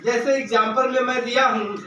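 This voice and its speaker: A man with a very high voice teaches a classroom grammar lesson, posing questions and answering them himself. He calls his students "beta". He is recorded from far off in an echoey room with noise behind him. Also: steady tone, brisk, bright, forceful tone. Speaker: school English teacher.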